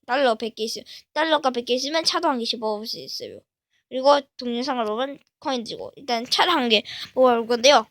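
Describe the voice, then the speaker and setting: A woman hosting a gaming channel, talking casually through a game step by step and breaking into excited exclamations. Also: fairly high pitch, fast talker, no echo, clean studio sound. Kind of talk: casual gameplay commentary.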